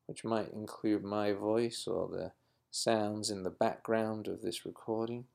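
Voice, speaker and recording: A man leading a guided mindfulness exercise in a slow, calm, instructive manner. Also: on the low side, gravelly. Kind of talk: guided meditation.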